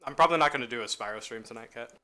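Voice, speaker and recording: A man streams from his home kitchen, talking fast and eagerly between bites, sometimes with his mouth full. His voice is bright and forward. It is relaxed, chatty live-stream talk. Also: mid-range voice. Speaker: streamer hosting a cooking stream. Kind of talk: casual chat while eating on a live stream.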